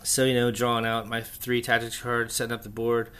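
A man hosting a casual, unscripted solo hobby chat, thinking aloud haltingly in an echoey, stripped-out bunker room. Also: mid-range voice, monotone, a bit bright, clear, resonant tone. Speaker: podcast host. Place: echoey indoor room under renovation, torn-out walls.

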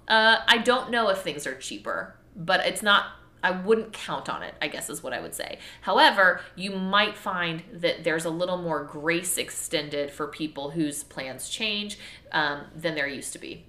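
A woman's voice: on the low side, sharp tone. A young adult woman from Texas chatting frankly and casually to viewers, swearing freely and rambling as she goes. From Texas, USA. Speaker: vlogger. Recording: echoey room.

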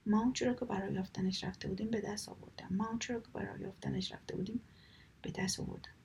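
A sly, boastful male beaver from a children's storybook, chanting the same brag over and over in a sing-song hush, as a woman narrator whispers him. The breathy whisper carries a gravelly, creaky edge. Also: mid-range voice, slight background noise, natural voice. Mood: gloating. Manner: sing-song, repeating himself.

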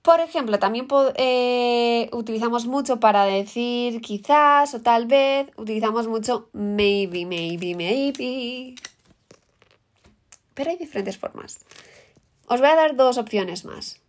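A woman's voice: on the high side, slow. A woman with a Peninsular Spanish accent giving an upbeat English lesson, explaining vocabulary and saying the example words in English. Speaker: English teacher. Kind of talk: language lesson.

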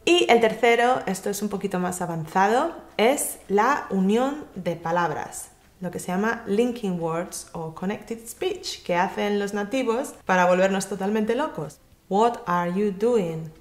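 A woman gives a lively, direct tutorial on English pronunciation straight to the viewer. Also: medium pitch, measured pace, echoey room. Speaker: English pronunciation teacher and YouTube host. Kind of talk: casual tutorial talk to camera.

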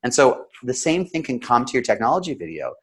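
A man's voice: medium pitch, sing-song, a bit bright. Man coaching with a storyteller's practised delivery. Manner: practised storyteller's delivery with emotion and deliberate pauses. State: slightly sick. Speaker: storytelling coach and interview guest. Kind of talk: conversational coaching, explaining with examples.

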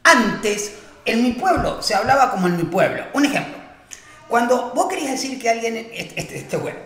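A man's voice: very high voice, big pitch swings, moderate pace, a bit bright. Argentine man in an echoey room. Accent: Argentine with a Venezuelan mix. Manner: rambling storyteller with many restarts. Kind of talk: casual chat.

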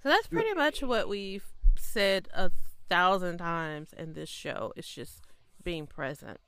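A woman podcast co-host chats casually at a slow pace. Her voice is bright and smooth, at a middle pitch. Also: big pitch swings, no room sound. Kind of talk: casual chat.

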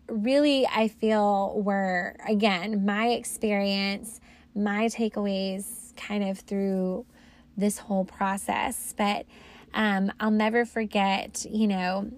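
A woman in her thirties talks through a personal faith podcast monologue. Her voice sits at an ordinary middle pitch. She speaks haltingly and reflectively, with plenty of ums and restarts. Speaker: podcast host.

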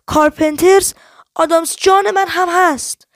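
A woman reading the lines of a sullen young girl who steals gum, speaking quietly and reluctantly. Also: very high-pitched, fairly even intonation, no room sound, clean studio sound, voice pushed up. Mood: evasive.

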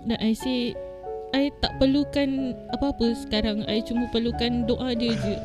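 A woman's voice: on the high side, little pitch movement, normal speed. Malay-accented woman mixing slangy English and Malay, music behind. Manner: colloquial Malay-English code-switching with slang. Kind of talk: personal storytelling, casual conversation.

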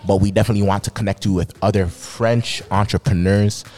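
A man's voice: on the low side, fairly even intonation, brisk, darkish tone. A man hosting a podcast in a casual, upbeat and encouraging way. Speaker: podcast host. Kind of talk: casual podcast interview chat.

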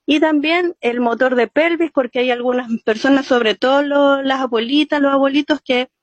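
A woman's voice: sits high, fairly even intonation, moderate pace, no room sound. A woman, a storytelling teacher, explaining voice and body exercises step by step in an interview. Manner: patient, explains step by step with "¿cierto?" checks. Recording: muffled, dry sound.

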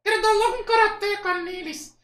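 A man's voice: steady tone, normal speed, bright, forceful tone, roomy sound, soft background music. A man voicing a cheeky, grumpy male ventriloquist dummy who answers in short, contrary replies. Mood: boastful. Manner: squeaky, curt and contrary.

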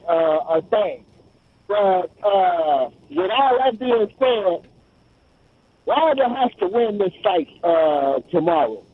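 A man calling in to a radio show over a phone line, talking casually in a steady run of argument with fillers. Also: extremely high pitch. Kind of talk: casual call-in chat.

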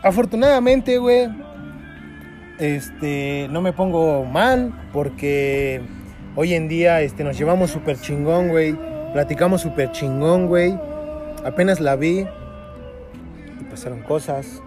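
A man's voice: a little high, takes it slowly, long pauses. A young man with a Mexican accent telling a personal story in casual, slang-heavy chat among friends, with lots of filler words. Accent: Mexican Spanish. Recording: music playing in the background.

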